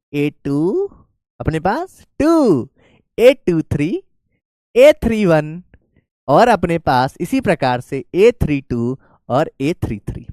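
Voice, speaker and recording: A man's voice: a little high, darkish tone, no echo, clean studio sound. A male maths teacher giving a lesson who coaxes his students and keeps checking that they follow. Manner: coaxing, keeps checking students follow, calls them "beta".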